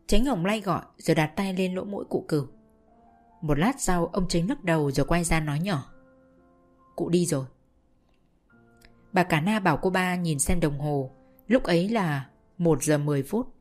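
Woman storyteller, low voice, measured audiobook reading over faint music. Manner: steady, measured narration. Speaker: narrator.

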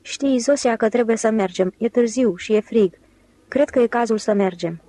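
A woman's voice: on the high side, mellow, natural voice. A woman reading a sly young adventurer. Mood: anxious. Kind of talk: audiobook character reading.

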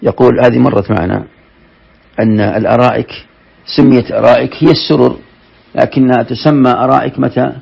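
A man teaching a measured classroom lesson on scripture commentary, explaining verses step by step with frequent restarts. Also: medium pitch, fairly even intonation. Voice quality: gravelly. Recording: dull lo-fi lecture recording.

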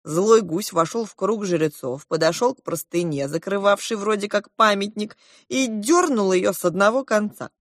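A woman narrating a children's audiobook with expressive storytelling. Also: mid-range voice, moderate pace, no room sound, studio quality. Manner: expressive storytelling, shifting into character voices. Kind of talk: scripted narration.

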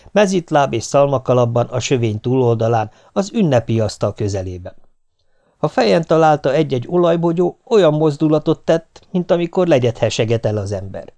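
Guy reading a funny family story aloud, wry and lively, mid-pitch voice. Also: creaky. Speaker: audiobook narrator. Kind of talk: first-person audiobook narration.

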